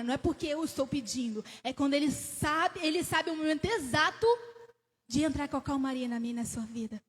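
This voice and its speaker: A woman with a Brazilian Portuguese accent preaching a sermon in a church, telling the story with animated rises and questions to the congregation. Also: high-pitched. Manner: laughs between phrases. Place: church sanctuary. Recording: church hall with long reverb.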